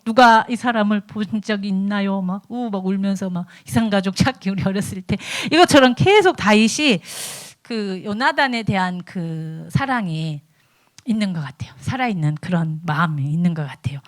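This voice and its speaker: Woman preaching a lively devotional. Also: medium pitch. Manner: animated storytelling, acts out quoted dialogue. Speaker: evangelist. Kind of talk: morning devotional sermon.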